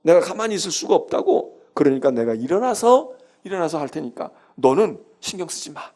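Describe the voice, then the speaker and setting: A man voicing God as a tender, protective parent who reassures a hurt child, speaking softly and kindly in a sermon. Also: fairly high pitch, big pitch swings, fairly quick. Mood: reassuring.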